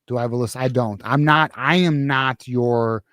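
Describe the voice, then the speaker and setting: A man hosts a casual postgame sports show, ranting with plenty of profanity and false starts. His voice sits at an ordinary pitch. It sounds close and dry, with little room sound. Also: normal speed, a bit bright, no room sound. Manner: profane, heated, rambling with many restarts. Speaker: podcast host.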